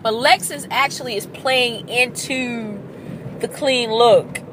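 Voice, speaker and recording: A woman's voice: a little high, takes it slowly. Chatty woman talking while driving. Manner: chatty, profane, animated storytelling. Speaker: vlogger. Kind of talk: casual chat while driving. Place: inside a car in traffic. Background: faint car and road noise.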